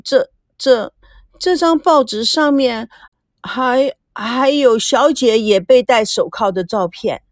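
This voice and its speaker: A woman's voice: fairly high pitch, expressive, measured pace, no echo. A woman voicing a timid, loyal household maid who stammers and pleads, in a dry close recording. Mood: fearful.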